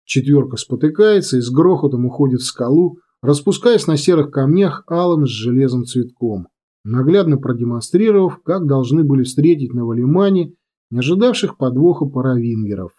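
A man reading a military adventure novel aloud as narrator, telling it dramatically and slowing on key lines. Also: mid-range voice, expressive, dark tone. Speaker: audiobook narrator. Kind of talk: scripted narration.

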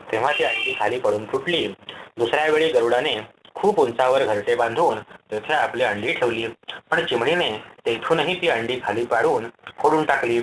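A man's voice: medium pitch, slight background noise. Man reading fables in a roomy room. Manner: steady, measured reading. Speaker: audiobook reader. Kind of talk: scripted audiobook narration.

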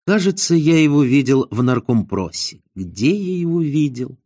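A man reading an audiobook, voicing a harried male theatre administrator who snaps and mutters in a hurried way. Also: a little high, lively intonation, dark tone, no room sound, studio quality. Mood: muttering.

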